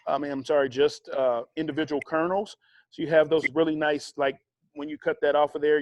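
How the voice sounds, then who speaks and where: Male cooking instructor, higher-than-average voice, relaxed conversational demo style. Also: no room sound. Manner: chatty, relaxed, with fillers and asides. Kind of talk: casual cooking demonstration.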